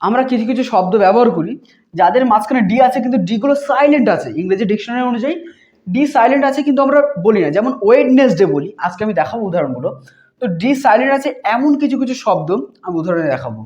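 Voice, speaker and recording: A woman teacher leads a beginner reading lesson with a very animated, rising and falling voice. She spells words out letter by letter, repeats them slowly, and answers her own questions. The recording is muffled and lo-fi. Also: fairly high pitch. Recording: dull lo-fi recording.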